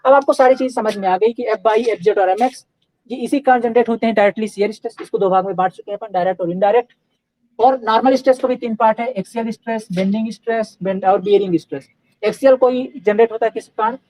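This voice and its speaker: A man's voice: sits high, darkish tone, no room sound, poor audio. A man teaching a live online engineering class, asking questions and answering them himself and often checking that students are following. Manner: repeats checks like "okay" and "clear?"; Hindi mixed with English technical terms.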